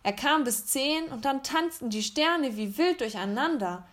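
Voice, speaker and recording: A woman reading a children's bedtime story aloud in a calm, measured way. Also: high-pitched.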